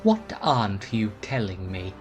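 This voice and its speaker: An actor playing a domineering, haughty villain mastermind in a sci-fi fan audio drama, with theatrical delivery. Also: male voice, lowish voice, animated, a little slow. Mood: demanding. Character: domineering, impatient, grandiose male arch-villain mastermind. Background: faint music.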